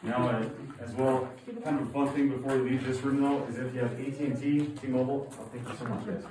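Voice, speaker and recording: A man's voice: mid-range voice, little pitch movement, fast. A man working as a cave tour guide, speaking informally and jokingly to a group, with cave echo around his voice. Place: inside a cave. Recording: cave echo, distant mic, background noise.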